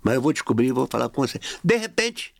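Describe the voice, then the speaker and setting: A man's voice: mid-range voice, very animated, fast talker, vocal fry, slight background noise. A middle-aged man telling a long anecdote in casual podcast talk, acting out the dialogue with shifting voices. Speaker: podcast guest. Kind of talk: casual storytelling.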